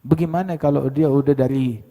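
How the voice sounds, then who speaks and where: Animated preacher in an echoey hall. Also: male voice, mid-range voice, brisk. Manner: animated, acts out mocking voices, shouts at times. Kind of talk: sermon.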